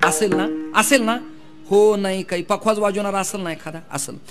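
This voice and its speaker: Guy preaching a kirtan sermon, high voice, keeps asking the crowd questions and rattling off lists, faint music under it. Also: normal speed. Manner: emphatic, rhetorical questions and long spoken lists. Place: devotional gathering with an audience. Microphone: mic through a sound system.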